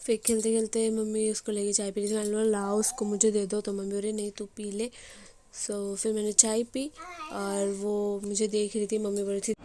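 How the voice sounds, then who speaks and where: A young woman with a hoarse voice, chatting casually as she narrates her day in a home vlog. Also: mid-range voice, monotone, normal speed, dark tone, slight background noise. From Bengali family. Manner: chatty, rambling with fillers. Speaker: vlogger.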